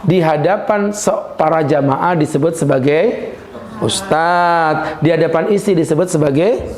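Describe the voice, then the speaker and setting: Joking male preacher in an echoey room. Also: on the high side. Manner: joking and lively, laughs often, slows down to stress points. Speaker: Islamic preacher. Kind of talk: humorous religious lecture.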